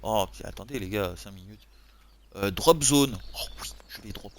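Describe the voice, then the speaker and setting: A French man commentating his farming game, animated and jokey, swinging between low muttering and excited yelps. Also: moderate pace, a little hiss or hum. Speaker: gaming YouTuber. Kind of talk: let's play commentary.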